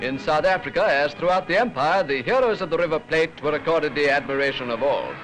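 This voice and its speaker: A man's voice: on the high side, a little fast, loud music behind the voice, low-quality recording. A British man narrating a 1940s newsreel in a formal, declamatory manner, on an old film soundtrack. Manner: formal, rhetorical, declamatory delivery.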